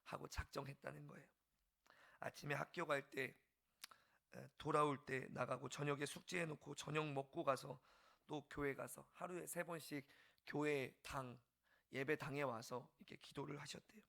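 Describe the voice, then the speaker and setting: A male pastor preaching an early-morning revival sermon with a bright, somewhat high voice and a gravelly edge. He preaches with fervor, rising to ringing exclamations and dropping to hushed, near-whispered passages. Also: fairly even intonation, moderate pace.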